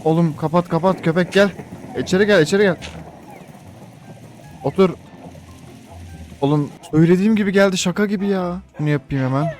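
A young man with a Turkish accent talks through a Minecraft let's play in a slightly high voice. He gets excitable fast, yelping and shouting orders at his pet dog. Faint game music plays beneath him. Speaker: gaming YouTuber.

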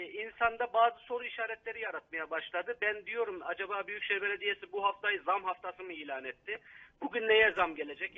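A city council member speaking over the phone in a live interview, critical and hesitant with frequent fillers. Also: male voice, high voice. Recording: tinny phone line.

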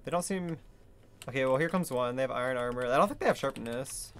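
A man's voice: mid-range voice, quick pace, clean tone. A man of twenty-two streaming a video game, chatting casually and rambling with lots of fillers. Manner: rambling, filler-heavy, laughs easily. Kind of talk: casual gaming chat. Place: home room.

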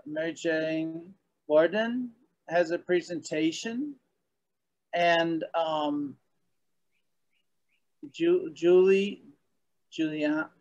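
A man's voice: fairly high pitch, lo-fi sound. A man hosting a community meeting on a video call, talking casually and restarting his sentences. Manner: hesitant, restarts often. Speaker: host.

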